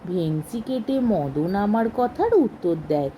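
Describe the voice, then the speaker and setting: Slow, mellow female storyteller. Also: medium pitch, slight background noise, poor audio. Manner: slow, measured reading with expressive rises. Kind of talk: reading a short story aloud.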